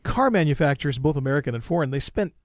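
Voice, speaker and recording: A man's voice: fairly high pitch, lively intonation, racing, no echo, clean studio sound. An older man hosting a casual interview, chatty and conversational. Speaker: interview host.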